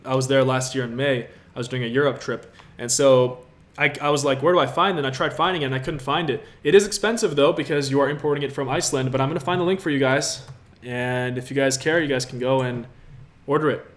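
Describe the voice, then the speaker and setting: He talks at a quick pace in a steady, medium-pitched voice. A Latvian man in his twenties, he hosts a laid-back livestream Q&A from an apartment room with a city view, upbeat and motivational as he speaks straight to his viewers.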